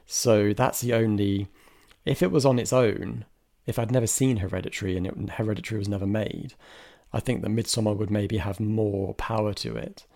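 A man co-hosting a laid-back film podcast talks in a lowish, gravelly, slightly mellow voice at normal speed with fairly even intonation. He's chatty and thoughtful, often restarting sentences, hedging, and breaking into bursts of laughter.

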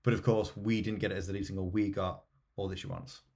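A man's voice: sits low, flat delivery, fast talker, a little mellow. A middle-aged man, chatting casually as co-host of a music podcast.

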